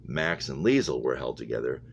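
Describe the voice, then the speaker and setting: Extremely low in pitch, with vocal fry, this English teacher reads a novel aloud fairly quickly and in a very animated way. He stumbles over words here and there and rereads phrases, captured in muffled lo-fi audio that hums.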